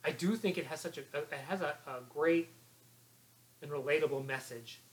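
A man casually discussing a movie with friends, enthusiastic and swearing freely, talking in quick runs. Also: fairly high pitch, rough recording. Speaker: podcast co-host.

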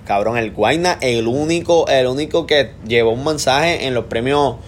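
A young Puerto Rican man co-hosting a podcast in casual chat, animated and swearing freely. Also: mid-range voice, normal speed. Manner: animated, swears a lot, tells stories. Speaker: podcast co-host.

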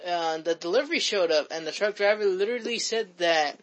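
A man's voice: sits high, brisk, a bit bright, rough recording. A man hosting a casual chat, rambling with frequent stammered restarts. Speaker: host.

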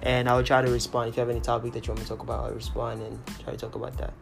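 A man's voice: medium pitch, completely flat delivery, very fast, vocal fry. A man speaks as a solo podcast host with little rise and fall in his voice. He is earnest and often rephrases himself. Music plays behind him, and he records with busy city noise outside. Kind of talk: solo motivational podcast monologue. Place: in noisy New York City, street noise outside.

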